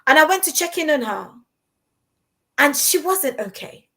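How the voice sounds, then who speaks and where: Woman, from Uganda, high voice, earnest, encouraging, podcast host. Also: very animated, unhurried, bright, forceful tone. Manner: earnest, encouraging, repeats words as she goes. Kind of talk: conversational podcast talk. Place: London.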